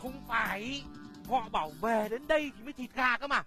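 Bright-voiced, lecturing village official. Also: male voice, extremely high pitch, normal speed, soft background music. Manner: lecturing, scolding, ordering. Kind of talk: stage comedy sketch.

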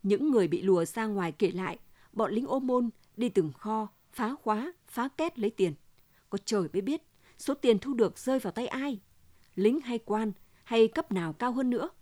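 A woman reading a story aloud in a steady, measured way. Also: on the high side, dry recording. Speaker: audiobook reader. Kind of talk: storytelling narration.

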